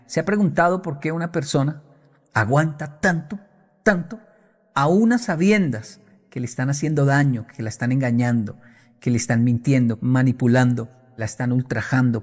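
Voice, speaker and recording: A man giving a motivational talk on stage to an audience, emphatic and acting out the voices of the people he quotes. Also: medium pitch. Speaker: motivational speaker.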